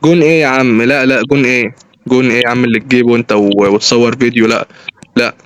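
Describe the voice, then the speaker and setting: A young Egyptian man giving excited commentary over his own football video game play, cheering, groaning and arguing with the game. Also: medium pitch, racing, slight background noise. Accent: Egyptian Arabic. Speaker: gaming YouTuber. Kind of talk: live gameplay commentary.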